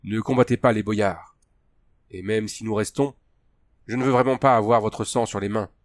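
A man plays a grave, principled colonel in a novel audiobook. The voice sits low and speaks in a firm, earnest way. The recording is close and completely dry. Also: fairly even intonation, normal speed, no echo, close to an everyday voice. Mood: calm. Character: stern principled male Union colonel.

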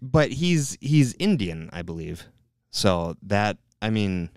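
A man's voice: on the low side, big pitch swings, takes it slowly, slight background noise. A young man co-hosting a podcast, chatting casually in a wry, teasing way and laughing easily, on a close mic. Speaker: podcast co-host. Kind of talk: casual banter.

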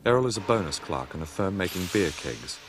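A man with an Australian accent reading scripted documentary narration in a measured, dry way. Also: low voice, big pitch swings. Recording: noisy old documentary film audio.

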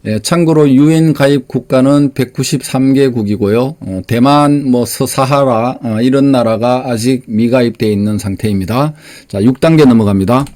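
A man hosts a quiz, reading out each question and then explaining the answer step by step. His voice is plain and unpolished, and he fills his pauses with short sounds. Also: medium pitch, warm tone. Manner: plain, unpolished delivery with many fillers. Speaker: quiz host.

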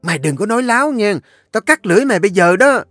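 A man voicing a hysterical, scheming young wife in a shrill, shrieking voice. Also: very animated, moderate pace, fairly bright tone, dry recording, faint music behind, heavily acted.

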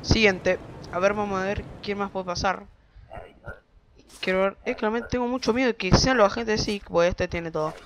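A man giving casual, rambling game commentary from his bedroom, excitable and quick to swear. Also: high voice, slight background noise. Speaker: gameplay commentator. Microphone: desk microphone.

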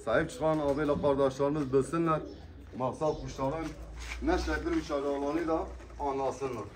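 A man's voice: on the high side, steady tone, normal speed. A man casually presenting birds at a live auction, chatting and often echoing what he is told. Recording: noisy, distant mic, cooing pigeons. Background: pigeons cooing, birds, clicks.

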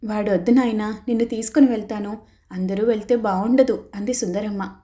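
A woman voicing an older grandmother who quietly hushes and scolds a child. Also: mid-range voice, steady tone, brisk, close to an everyday voice. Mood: gentle. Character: older grandmother, strict but loving.

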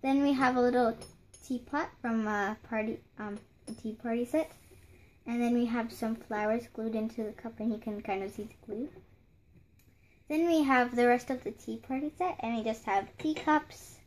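Standing next to the doll house her mom made, a young girl casually shows it off on a phone camera held close, hands visible. She speaks at normal speed in a high-leaning, fairly even voice, rambling with fillers and restarts.

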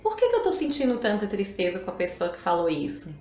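Woman, mid-pitched, hosts a live stream, reflective and chatty, tag questions, echoey room. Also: huge pitch swings, quick pace, darkish tone. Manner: reflective, conversational, often adds tag questions. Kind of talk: casual talk on emotions. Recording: roomy echo.

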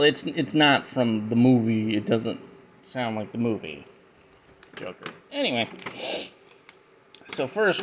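A toy reviewer unboxes and reviews action figures, giving rambling, jokey commentary full of fillers. His voice is mid-range, and there's a little hiss or hum in the audio.

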